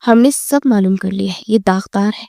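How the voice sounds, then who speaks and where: A woman voicing a scornful, sharp-tongued middle-aged mother-in-law in an audiobook. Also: mid-range voice, creaky, no room sound, clean studio sound, natural voice. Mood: shrill. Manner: accusing, venomous.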